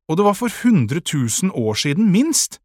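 A man voicing a headstrong twelve-year-old boy in an audiobook, defiant and grumbling, with a husky tone. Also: fairly high pitch, lively intonation, no room sound, studio quality, pitched above the performer's own voice. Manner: defiant, grumbling, quick to bristle. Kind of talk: audiobook character voice.

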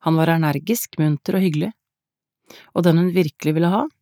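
Low-voiced woman narrating an audiobook. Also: dark tone, dry recording, studio quality. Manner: measured, unhurried storytelling. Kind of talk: scripted narration.

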